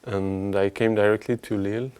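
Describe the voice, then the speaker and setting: A young man from Algeria speaks low and flat, with very little rise and fall. He keeps his points short and measured. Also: clear, resonant tone. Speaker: PhD student panelist. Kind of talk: casual roundtable discussion.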